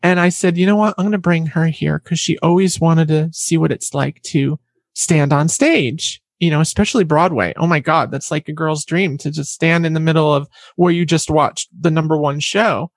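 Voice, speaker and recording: A woman guest telling a personal story in an interview, animated and acting out what other people said. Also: sits low, moderate pace, no echo.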